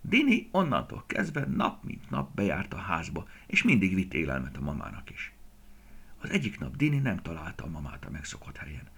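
A man's voice: sits low, wildly swooping pitch, gravelly, fairly bright tone, breathy edge. A man narrating a children's story expressively, often dropping to a whisper.

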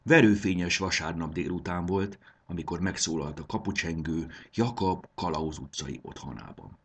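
A man narrating a children's story in an expressive storybook reading. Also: low-pitched, breathy edge.

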